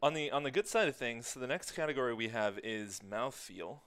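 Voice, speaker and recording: A man's voice: medium pitch, lively intonation, fairly quick, a bit bright. Easygoing young man hosting a stream. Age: 20s. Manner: easygoing, reads viewer comments aloud. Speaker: host reading chat. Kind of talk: casual chat.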